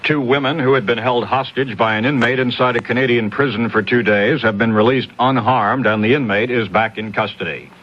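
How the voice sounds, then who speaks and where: Reading from a script in the manner of 1970s radio news, a medium-voiced male announcer moves a little fast with few pauses. The sound is muffled and lo-fi, as if pulled off an old AM broadcast.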